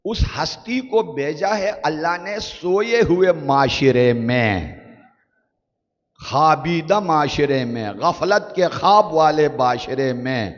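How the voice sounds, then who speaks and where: A man with a Pakistani Urdu accent preaches a sermon, his fairly high voice rising on slow, drawn-out Arabic verses. The sound is somewhat muffled and rings with the long reverb of a large hall. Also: expressive. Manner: rhetorical questions, declaiming Arabic verses slowly.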